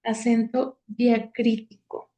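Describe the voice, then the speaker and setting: A woman teacher, reading grammar slides aloud in a halting way with many fillers. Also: a little high, little pitch movement, dark tone, lo-fi sound. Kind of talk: slide lecture on accent rules.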